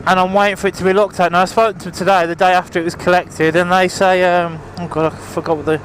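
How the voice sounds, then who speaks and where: A man's voice: high-pitched, flat delivery, quick pace, fairly bright tone, rough recording. A man chatting casually to viewers in a rambling, apologetic way, raising his voice over the engine as he rides a motorbike with a helmet mic. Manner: raised voice talking over engine noise. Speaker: motorbike vlogger. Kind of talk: casual vlog chat to viewers while riding. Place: outdoors, riding a motorbike on the road. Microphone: helmet microphone, visor open. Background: motorbike engine, wind, traffic.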